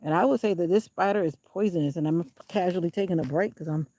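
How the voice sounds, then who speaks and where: A woman's voice: on the low side, quick pace, warm tone, no room sound, rough recording. A woman chatting casually while walking a country road, out of breath, filmed on a handheld camera. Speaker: vlogger.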